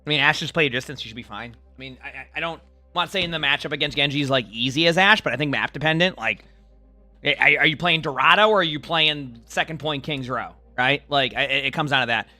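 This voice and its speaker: Fast, high-voiced male streamer on headset audio. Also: pushed and bright, no room sound, faint music behind. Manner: rambling, filler-heavy, frequent restarts. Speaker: game streamer. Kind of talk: casual chat to stream viewers while gaming.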